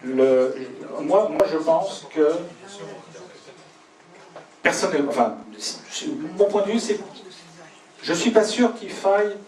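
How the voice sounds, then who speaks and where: Man giving a measured talk in a pub. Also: a little high, expressive, a little mellow. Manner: measured, deliberate, pauses between phrases. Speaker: invited speaker giving a talk. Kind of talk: pub talk answering audience questions. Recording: roomy, distant mic, faint pub hum.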